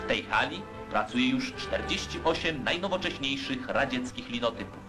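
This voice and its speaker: A man's voice: medium pitch, lively intonation, moderate pace. A man giving solemn, declamatory narration for an old newsreel soundtrack. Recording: narration over loud orchestral music.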